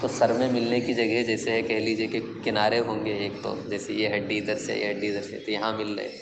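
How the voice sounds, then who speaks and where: A man's voice: fairly low pitch, completely flat delivery, gravelly, noisy background. A man teaching classical Arabic poetry in Urdu to a class, explaining each verse step by step and quizzing his students with questions. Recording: echoey classroom with long reverb.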